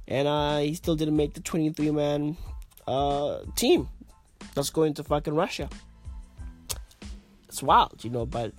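A man with a blocked-up nose hosting a casual solo podcast from his bed, swearing often and repeating himself in loose slang. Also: medium pitch. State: congested, blocked-up nose and sinuses. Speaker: podcast host.

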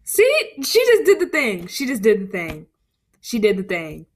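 A woman's voice: mid-range voice, wildly swooping pitch, moderate pace. A teenage girl hosting a casual podcast, protesting and laughing, rambling through stories. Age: teens. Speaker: podcast host. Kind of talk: casual chat.

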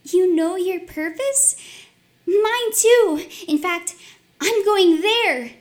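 A woman's voice: extremely high pitch, lively intonation, extremely slow, voice pushed up, exaggerated voice. Woman voicing an innocent, curious young girl. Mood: eager.

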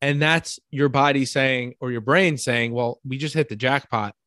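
A man's voice: mid-range voice, steady tone, moderate pace, pushed and bright, no echo, studio quality. A man with a New York accent, co-hosting a talk show and explaining ideas through everyday examples, often checking in with "right?". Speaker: podcast co-host. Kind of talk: casual conversational explaining.

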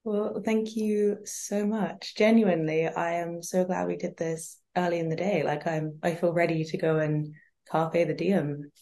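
A woman with a slightly low voice hosts a casual interview. She talks informally and effusively, like a chatty interviewer. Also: little pitch movement, a little slow, warm tone. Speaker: interviewer, host.

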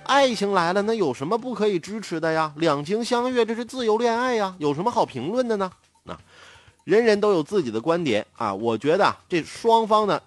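A man presenting a scripted news commentary in a conversational, emphatic storytelling way, with rhetorical questions. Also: fairly high pitch. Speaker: commentator, host.

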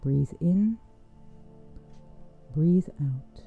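A woman leading a guided breathing meditation in a soft, soothing, unhurried voice with long pauses. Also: low-pitched, animated, gravelly, husky. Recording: dull, muffled sound with music underneath. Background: music.

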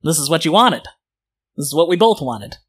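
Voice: mid-range voice, very animated, a little fast, a bit bright, husky. A game master voicing Chuck, a former aviator turned playboy, with old-fashioned tough-guy talk. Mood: smug. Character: blustering former aviator turned playboy, middle-aged man. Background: background music.

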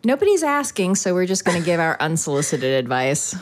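A woman's voice: fairly low pitch, fairly quick, slight background noise. A woman co-hosting a casual advice podcast, telling stories with lots of laughter and acted-out reactions. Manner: animated storytelling, laughs often, mimics herself. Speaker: podcast co-host. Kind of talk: casual chat.

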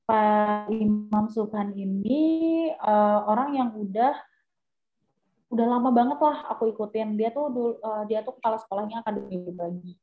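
A young adult woman, a business guest, talking casually and animatedly with lots of fillers. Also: mid-range voice. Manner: chatty, animated, with many fillers. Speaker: entrepreneur guest. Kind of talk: casual interview chat. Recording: echoey, dull lo-fi sound.

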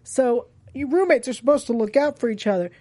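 A woman's voice: fairly high pitch, expressive, fairly quick, warm tone, no echo. A woman hosting a casual TV after-show, chatting emphatically and repeating her points for effect. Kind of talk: casual TV recap chat.

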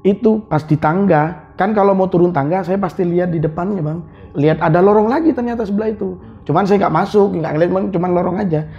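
A man who works as an online motorbike taxi driver, telling his experience in a casual, animated way, repeating himself and acting out sounds. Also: sits high, fast. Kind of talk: casual spoken storytelling. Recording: dull lo-fi sound with faint music.

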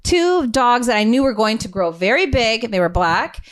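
Animated woman host, a bit high, chatty family podcast storytelling. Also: normal speed. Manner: animated storyteller, laughs often. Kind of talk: casual family chat.

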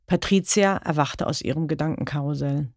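A woman narrator reads a story aloud in a measured, grave manner. Her voice sits low, and the recording is dry and close with no room sound. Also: a little mellow, dry recording.

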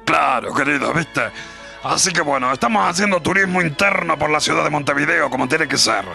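An actor playing a folksy old grandfather with a creaky voice and a Uruguayan accent, for comedy radio. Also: a little high, expressive, brisk, music in the background. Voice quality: heavily creaky, sharp. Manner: folksy, familiar.

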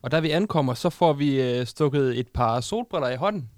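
A man's voice: mid-range voice, expressive, darkish tone, dry recording, clean studio sound. A man co-hosting a casual chat, telling a rambling anecdote with lots of hesitations. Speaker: podcast co-host.

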